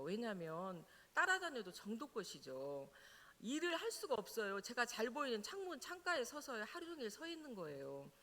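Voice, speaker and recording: A middle-aged woman pastor, telling her own story in a sermon as an animated storyteller who laughs now and then. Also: medium pitch. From Jeolla, South Korea. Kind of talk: personal testimony in a sermon. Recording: reverberant church hall.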